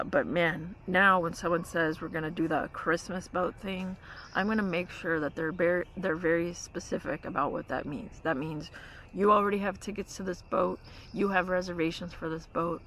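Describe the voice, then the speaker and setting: Her voice is on the low side but fairly bright as this woman vlogger tells a chatty story, full of "like" and "you know". She's at a forest campsite next to a car, with outdoor noise and vehicle hum around her.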